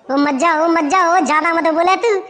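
Squeaky, bright cartoon village man, quick to swear and squabble , voiced by a woman. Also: fairly even intonation, in a large hall, some chatter behind. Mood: quarrelsome. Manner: rapid, squeaky, abusive rustic banter. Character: crude, quarrelsome rustic village man. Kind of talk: cartoon comedy voice acting.

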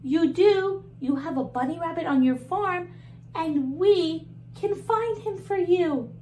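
Filmed up close in a small room, this thirtysomething teacher talks to toddlers with big gasps and questions. Her pitch is extremely high and her pace slow, with a slight hiss or hum behind her.

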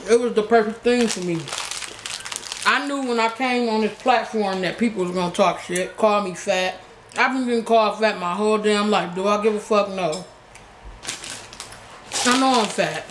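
Young adult YouTuber, medium pitch, blunt and slangy, casual Q&A chat, echoey living room, faint noise. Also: measured pace, pauses often, fairly bright tone. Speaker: YouTuber host. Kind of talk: casual chatty Q&A. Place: small living room, indoors. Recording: roomy sound with background noise.

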